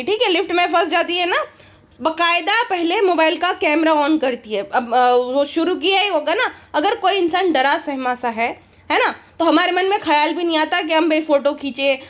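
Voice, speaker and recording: Woman vlogger, very high voice, scornful, mocking reaction commentary. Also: moderate pace. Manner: mocking, scornful, laughs at her subject.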